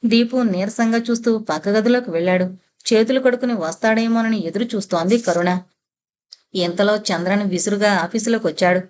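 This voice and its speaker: A woman narrates a serialized audio novel in a steady, measured way. Her voice sits in an ordinary middle pitch for a woman.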